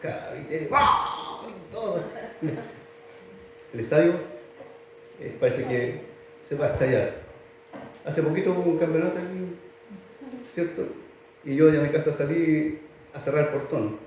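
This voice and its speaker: A man with a Chilean accent preaching a sermon emphatically and repetitively, often rising to loud exclamations in a church hall. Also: fairly high pitch, unhurried, pauses often, far from the mic, a little hiss or hum. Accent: Chilean Spanish. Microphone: filmed for online viewers.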